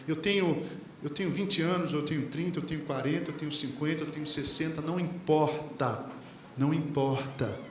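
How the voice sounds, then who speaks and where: A pastor with a Brazilian Portuguese accent and a voice on the high side preaches conversationally in a church hall. He quotes lyrics and sayings and puts questions to the congregation, with echo, faint ambience and a little hiss or hum in the recording.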